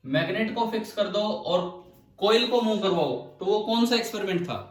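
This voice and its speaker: Guy teaching physics to a class, kinda high voice, keeps asking questions, mic far off. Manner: questioning, explains step by step. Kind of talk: classroom lecture. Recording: echoey room, from far off.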